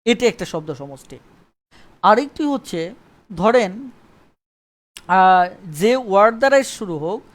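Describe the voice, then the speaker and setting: A man's voice: high voice, expressive, a little slow, pauses often. Man teaching English grammar live. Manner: repetitive, keeps checking understanding. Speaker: English tutor. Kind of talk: live online grammar lesson.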